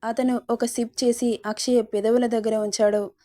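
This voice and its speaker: A woman storyteller reading a romance story in calm, even storybook narration. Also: a little high, moderate pace.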